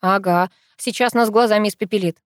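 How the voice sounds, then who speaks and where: A woman's voice: mid-range voice, brisk, no room sound, clean studio sound, close to an everyday voice. A woman voicing a cocky, joking teenage boy in an audiobook, drawling and teasing.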